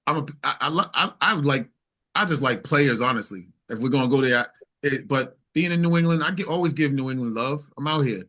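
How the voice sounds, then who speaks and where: A man's voice: medium pitch, pushed and bright. A man from New York speaking casually as an interview guest, thinking aloud with repeated words. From New York, United States. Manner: halting, thinking aloud with repetitions. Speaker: singer-songwriter interview guest.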